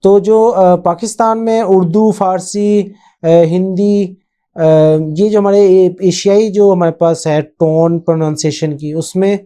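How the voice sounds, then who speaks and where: Hosting his own channel, a man gives relaxed, off-the-cuff commentary in a somewhat high voice with a deeply mellow, unforced tone. He rambles, hesitates frequently, and slips English phrases into his speech.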